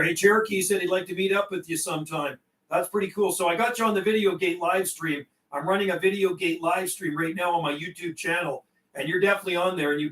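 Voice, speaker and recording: The roomy, distant-mic recording captures a man with a high-pitched, fairly bright voice hosting a CB radio livestream. He chats casually in slang and relays messages between operators, repeating them.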